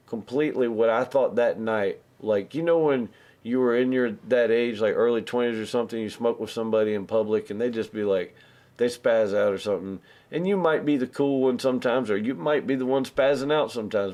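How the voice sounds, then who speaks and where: Low-voiced man telling a rambling story. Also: darkish tone. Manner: rambling, loose, with many restarts and acted-out dialogue. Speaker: live stream host. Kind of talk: casual storytelling.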